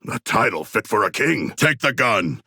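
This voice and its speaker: A proud shark demigod for a video game, low and rough-edged with a forceful bite. The creature speaks in stately, formal phrases, earnest and grandiose. The recording is dry and close. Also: male voice, sing-song, moderate pace, no room sound, full character voice. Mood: calm, earnest. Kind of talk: video game character voice lines.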